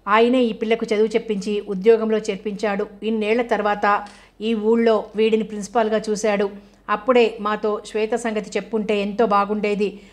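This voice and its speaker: A fierce older woman lashes out with harsh accusations in an audio novel, read by a woman narrator. The delivery stays flat and level, without much rise or fall. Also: medium pitch, brisk, lightly acted. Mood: bitter.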